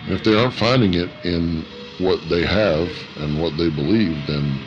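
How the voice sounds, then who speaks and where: A man giving thoughtful, halting interview answers as a guest, his voice electronically disguised. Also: dull audio. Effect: disguised voice, electronically lowered. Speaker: interview guest, missionary worker. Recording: music under the voice. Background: music.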